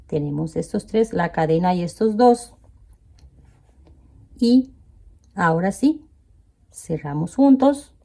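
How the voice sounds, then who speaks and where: A woman's voice: fairly low pitch, animated, slow, vocal fry, long pauses, mellow. A woman teaching a crochet tutorial step by step, counting stitches aloud and checking in with viewers. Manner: addresses viewers directly with "¿ven?". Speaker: crochet instructor.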